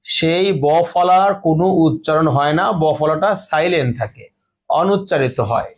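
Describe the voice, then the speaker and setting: A man with a high voice teaches a grammar lesson in front of a board. He works through each rule step by step and goes over every example word more than once. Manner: explains slowly, repeats each rule and example words. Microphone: phone or camera in front of a board.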